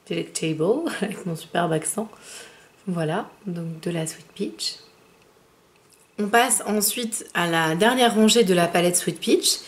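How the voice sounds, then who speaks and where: A chatty woman with a slightly low-pitched voice talks through a makeup palette comparison. She swatches each shade and slows down to name it, with the odd filler in between. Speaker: beauty vlogger.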